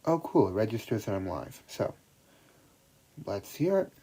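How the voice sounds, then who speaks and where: A man's voice: lowish voice, big pitch swings, moderate pace, creaky, low-quality recording. A young man chatting casually to himself on a livestream, rambling and self-deprecating. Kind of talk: casual solo stream chatter. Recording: loud background noise.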